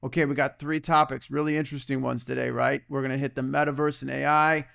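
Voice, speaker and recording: A man hosting a podcast in a casual, energetic way, often checking in with "okay" and "right?". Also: medium pitch, quick pace, gravelly, clean tone. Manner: energetic, excitable, peppers talk with "okay" and "right?". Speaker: podcast host.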